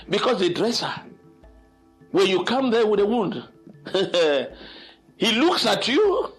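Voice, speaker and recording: With a high voice, an older man hosts an informal storytelling session, reflecting aloud in an expressive, dramatic and exclamatory manner.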